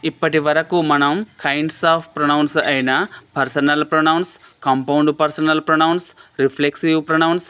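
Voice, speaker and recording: Smooth, even-toned grammar teacher man. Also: a little high. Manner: even, measured explaining, reads English examples slowly. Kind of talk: scripted grammar lesson.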